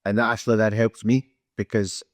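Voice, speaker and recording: Male, 30s, broad Scottish accent, low pitch, casual client testimonial. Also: level tone, brisk, no echo, clean studio sound.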